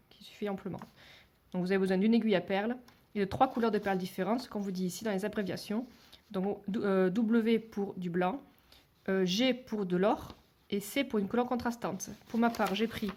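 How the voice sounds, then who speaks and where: Woman, beading tutorial, hesitant, frequent fillers, restarts, mid-pitched voice. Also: warm tone. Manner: drops to a near whisper while counting beads. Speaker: beading instructor. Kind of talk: step-by-step craft tutorial.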